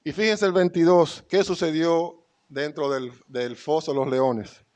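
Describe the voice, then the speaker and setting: Dominican pastor preaching, fairly high male voice, builds to emphatic scripture readings, talks to the church as brothers. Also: steady tone, measured pace, darkish tone. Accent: Dominican Spanish. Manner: reads scripture aloud with rising emphasis, addresses the congregation as brothers. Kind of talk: sermon.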